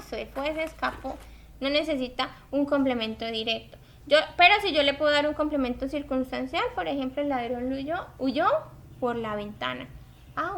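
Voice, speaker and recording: High, bright-voiced woman teacher. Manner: patient, explains with everyday examples and asks "¿sí?". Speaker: Spanish teacher. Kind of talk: classroom grammar lesson.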